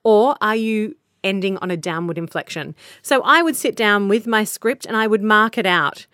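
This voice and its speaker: A woman's voice: medium pitch, normal speed, fairly bright tone, clear, resonant tone, no echo, studio quality. An Australian woman hosting a podcast, giving earnest, practical advice on speaking in a conversational teaching style. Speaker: podcast host and voice coach.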